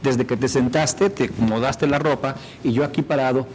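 A man's voice: medium pitch, steady tone, normal speed, darkish tone, a little hiss or hum, poor audio. Man teaching a workshop. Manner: demonstrative, addresses the audience with frequent questions. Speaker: instructor.

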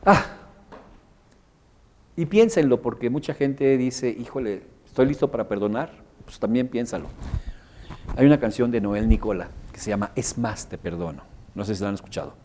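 Mexican man teaching a lively workshop. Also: mid-range voice, moderate pace, long pauses, a little hiss or hum. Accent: Mexican Spanish. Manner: animated, joking, acts out examples. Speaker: workshop instructor. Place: workshop room with a live audience.

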